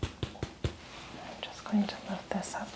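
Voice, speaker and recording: A woman clinician in an ASMR-style medical exam, whispering gentle step-by-step instructions to her patient. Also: slow pace, rough recording. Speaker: clinician giving a physical exam.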